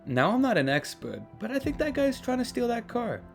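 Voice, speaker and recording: A man voicing a wry, earnest teenage boy superhero in an animated series. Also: very high-pitched, a little fast, gravelly, loud music behind the voice, exaggerated voice. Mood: conflicted. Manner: wry, youthful.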